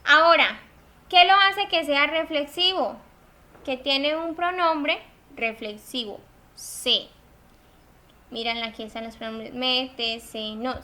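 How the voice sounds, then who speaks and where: Woman teacher, high and bright, patient with everyday examples. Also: slow. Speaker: Spanish teacher. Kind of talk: classroom grammar lesson.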